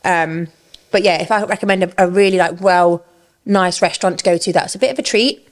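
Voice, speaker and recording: A woman's voice: lowish voice, a little fast. A young woman, co-hosting a casual podcast, chatty and swearing freely while eating. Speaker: podcast co-host. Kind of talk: casual chat.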